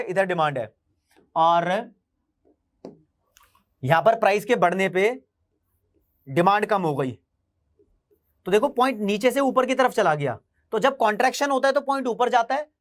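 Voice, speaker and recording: A man teaching an online economics class, repeating key English terms slowly for his students. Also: high-pitched. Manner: mixes Hindi with English terms.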